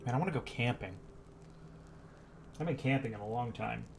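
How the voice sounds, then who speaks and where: Relaxed, laughing man streaming a game. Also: medium pitch, brisk, gravelly, slight background noise. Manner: relaxed, chatty, laughs often. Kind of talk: casual gameplay chat.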